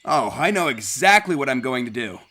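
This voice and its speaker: A man's voice: mid-range voice, very animated, a little fast, sharp tone. A man voicing a cocky, good-hearted young hedgehog hero in a cartoon fandub, casual, confident and breezy. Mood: relenting, friendly. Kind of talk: cartoon comic fandub acting.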